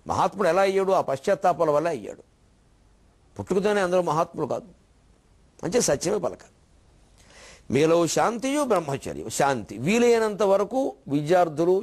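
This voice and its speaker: A man delivers a devotional discourse in a voice pitched a little high for a man. He preaches emphatically, working in wordplay and rhetorical questions. He also slips into the voices of the people he quotes. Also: a little mellow. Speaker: spiritual speaker.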